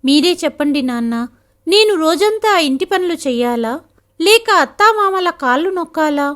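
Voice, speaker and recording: A woman's voice: sits high, expressive, normal speed, a bit bright. A woman reading the lines of a hurt, defiant young wife in a spoken family story, pleading and tearful.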